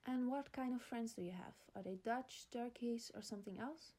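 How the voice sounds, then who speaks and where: Female interviewer, scripted questions, slightly high, warm and dark tone. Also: moderate pace.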